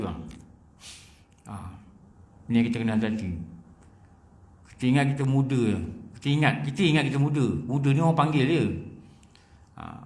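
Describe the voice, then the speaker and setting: A man's voice: medium pitch, roomy sound. A man with a Malaysian Malay accent giving a religious lecture, telling stories in a conversational way and repeating phrases for emphasis.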